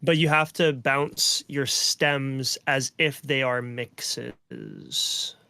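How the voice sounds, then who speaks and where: Male co-host, mid-pitch gravelly voice, deadpan jokes, dry close sound. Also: very slow, no echo. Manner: deadpan joking, says "bro" a lot. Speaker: music producer, co-host. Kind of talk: casual chat. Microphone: home mic on video call.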